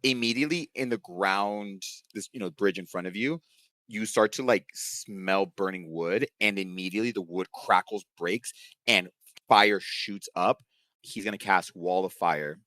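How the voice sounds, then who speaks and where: A man with a very low voice runs a tabletop game as game master over an online call. He narrates in a relaxed way, with many fillers. The sound is dry and close. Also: a little slow, dry recording.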